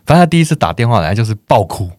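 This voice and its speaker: A man's voice: mid-range voice, rapid-fire, no echo, clean studio sound. A man, a podcast guest telling stories in casual chat and acting out the back-and-forth. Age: 30s. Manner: animated storytelling, acts out quoted exchanges.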